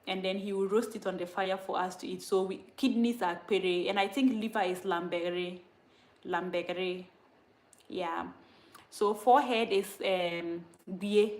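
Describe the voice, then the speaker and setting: A woman, a Dagaare speaker, casually teaching vocabulary on a livestream, repeating words slowly and laughing at herself often. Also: medium pitch, roomy sound. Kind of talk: casual spoken language lesson.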